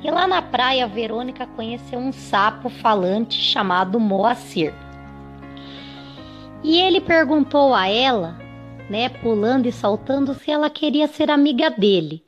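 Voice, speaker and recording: A woman's voice: on the high side, expressive, a little slow, highs cut off. A woman casually telling a children's story off the cuff, with lots of fillers and restarts, faint music behind. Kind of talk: improvised children's story narration.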